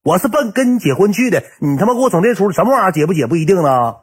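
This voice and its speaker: A man voicing his furious young girlfriend, who swears and threatens him in a husky voice. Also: fairly low pitch, animated, very fast. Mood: yelling.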